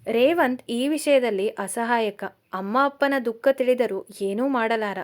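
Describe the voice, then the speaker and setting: A woman narrating a romantic drama story in an even, measured storytelling manner. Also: a little high.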